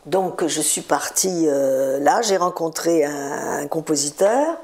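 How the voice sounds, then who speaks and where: A woman's voice: low voice, animated, slow pace, a little mellow. A woman in her seventies, a singer, telling stories in a chatty interview, repeating words for emphasis. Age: 70s. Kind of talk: relaxed interview storytelling.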